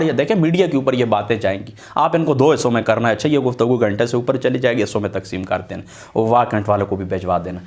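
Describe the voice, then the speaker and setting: Earnest middle-aged man telling stories. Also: mid-range voice. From Pakistan, Attock area. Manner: earnest, animated storyteller who swears oaths to his truthfulness. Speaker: Islamic religious scholar. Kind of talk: casual storytelling talk.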